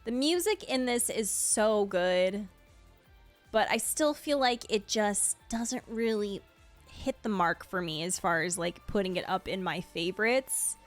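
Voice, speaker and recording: Faint music sits under a woman's mid-range voice as she reacts to game trailers and ranks them. She's a video creator and game streamer, measured in pace but chatty and rambling, tossing in gushing asides.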